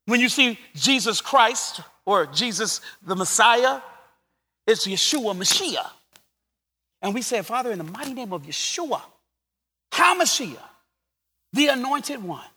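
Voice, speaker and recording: A middle-aged man preaching a sermon as pastor, swinging from quiet asides to shouted calls. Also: very high-pitched, sing-song, a little slow, pauses often, slightly rough, long reverb tail.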